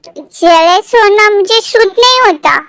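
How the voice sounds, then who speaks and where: A woman voicing a tipsy, sulky young woman in love, reading a fan fiction story aloud, with pouty, drawn-out lines. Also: extremely high pitch, animated, a bit bright, no room sound, pitched above the performer's own voice, heavily acted.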